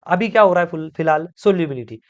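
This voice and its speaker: A man teaching a chemistry lecture in a playful way, firing quick questions at the class and answering them himself. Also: a little high, lively intonation, muffled recording.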